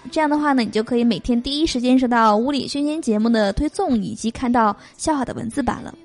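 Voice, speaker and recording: A young woman hosting a podcast, reading jokes aloud and chatting between them with lots of drawn-out fillers. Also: fairly high pitch, a little mellow, soft background music. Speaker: podcast host.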